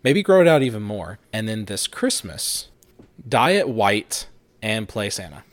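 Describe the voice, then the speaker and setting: A man's voice: fairly low pitch, sing-song, unhurried, no echo. A man in his thirties hosting a podcast, chatting casually and rambling with fillers and restarts. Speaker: podcast host. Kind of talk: casual chat.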